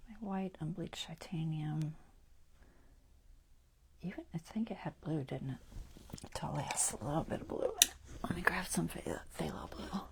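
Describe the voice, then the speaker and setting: Whispering woman with a gravelly edge. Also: deep voice, expressive, moderate pace, long pauses. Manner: whispering, thinking aloud while painting. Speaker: painter. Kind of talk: whispered painting ASMR.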